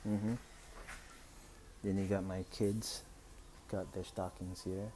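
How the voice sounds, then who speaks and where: A man's voice: deep voice, level tone, takes it slowly, mellow, a little hiss or hum. A man hosting a casual unboxing vlog at home, thinking aloud as he goes, recorded on a phone. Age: adult, father of three. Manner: thinks aloud, unsure and chatty. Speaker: channel host. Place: home room with Christmas tree. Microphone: phone camera.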